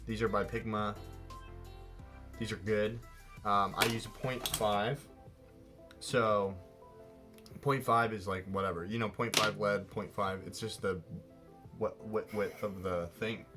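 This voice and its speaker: A man's voice: lowish voice, fairly even intonation, a little slow, pauses often, music in the background. A man co-hosting a casual drawing tutorial, talking in a rambling, playful way and often correcting himself. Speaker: art show co-host.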